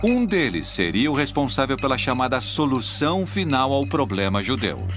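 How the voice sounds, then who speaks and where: A man's voice: medium pitch, big pitch swings, moderate pace, lightly acted. A man reading scripted, dramatic documentary narration. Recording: loud music bed behind the voice. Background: prominent music.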